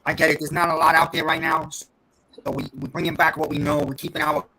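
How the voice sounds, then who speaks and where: A man calling into a sports chat show from his garage, talking in a halting, earnest way while his voice drops in and out over a breaking-up call connection. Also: a little high, wildly swooping pitch, vocal fry, a loud crowd. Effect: choppy, breaking-up call connection. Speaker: guest calling in. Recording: faint noisy glitchy call line.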